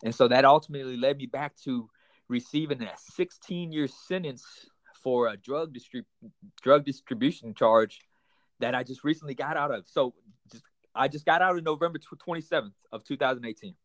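With poor audio but no echo, a brisk, medium-pitched male voice recounts personal testimony in an interview. The speaker is a young man from Houston, Texas, in the United States, earnest in telling his life story and prone to fillers and restarts.

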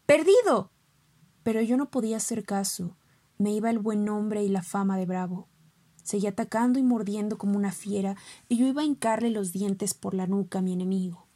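Woman reader, children's audiobook, mellow voice, expressive first-person dog narration. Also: mid-range voice.

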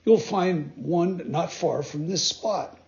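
A man voicing a polite, calm male dolphin in a courteous, matter-of-fact way. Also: fairly high pitch, slow pace, vocal fry, voice pushed up. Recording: dull lo-fi sound.

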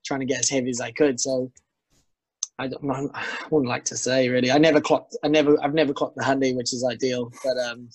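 A young New man talks loosely as a podcast guest, wandering through his story with plenty of fillers. His pitch barely moves, keeping an even, level tone. The sound is dry and close, with almost no room echo. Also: a little fast, breathy edge. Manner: easygoing, rambling with fillers. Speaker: guest rugby player. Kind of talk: casual podcast chat.

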